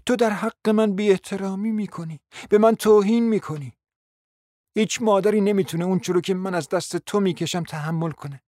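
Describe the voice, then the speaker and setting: A man's voice: high-pitched, expressive, no echo, studio quality. A man playing a proud, scheming middle-aged mother who pleads insistently and at length, acted as a radio drama. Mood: pleading. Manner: pleading, insistent and long-winded.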